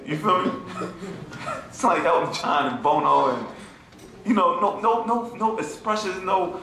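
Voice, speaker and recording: A man teaching an informal class to a small audience. He talks in an animated, mocking way and keeps asking his listeners "you feel me?". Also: sits high, a little slow, gravelly. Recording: echoey room with faint ambient noise.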